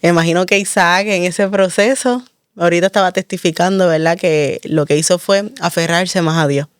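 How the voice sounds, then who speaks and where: A woman's voice: on the low side, normal speed, clean tone, no echo, studio quality. Encouraging female host of a faith interview. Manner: encouraging, frequent affirmations.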